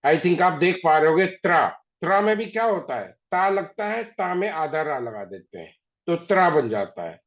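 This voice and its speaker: A man teaching an online class, patiently repeating words slowly to drill pronunciation. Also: fairly high pitch, big pitch swings. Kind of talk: online class on Hindi spelling. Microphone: video call. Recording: dull lo-fi video call audio.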